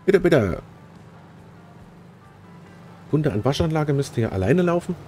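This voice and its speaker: A man casually narrating his gameplay, talking straight to the viewers and getting worked up easily. His voice is mellow and warm, and it swings widely in pitch. Soft game music plays underneath. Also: takes it slowly. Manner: chatty, talks to viewers, easily excited. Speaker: let's play host.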